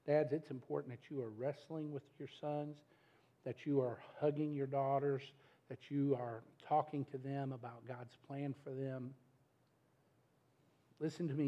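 A man's voice: mid-range voice, mellow. Pastor guy preaching, middle aged, talks right at the crowd, kinda muffled recording. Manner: emphatic, addresses the congregation directly. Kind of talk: sermon.

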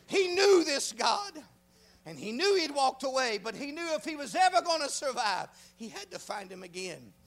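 A preacher man, delivering a folksy sermon that swings from hushed talk to shouting. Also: very high-pitched, very animated. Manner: fervent, swings from hushed to shouting, drawn-out emphasis; folksy, frequent "uh" fillers.

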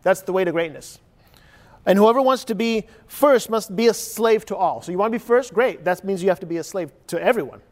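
A man's voice: high-pitched, fairly quick, in a large hall. A man in his forties who grew up in Chile, preaching an earnest, conversational sermon full of rhetorical questions. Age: 40s. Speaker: pastor.

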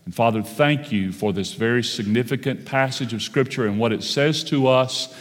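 A man preaches at a pulpit microphone, his voice carrying a long reverb through a church sanctuary. His speaking pitch is in the ordinary middle range for a man. He moves through the sermon in a measured way, slowing on key phrases and filling pauses with "uh" and "um". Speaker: pastor.

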